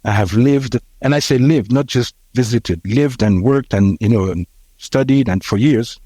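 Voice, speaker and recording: Hesitant, mellow-voiced man in his sixties. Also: mid-range voice, normal speed, no echo. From Haiti. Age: 60s. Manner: hesitant, many fillers and restarts. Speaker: podcast guest. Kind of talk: reflective conversational storytelling.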